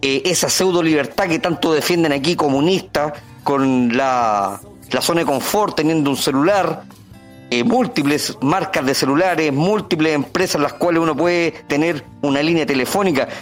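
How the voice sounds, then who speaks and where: Man, host, conversational, slightly high voice, faint music behind. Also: normal speed. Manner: conversational, asking questions. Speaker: podcast host. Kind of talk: podcast discussion.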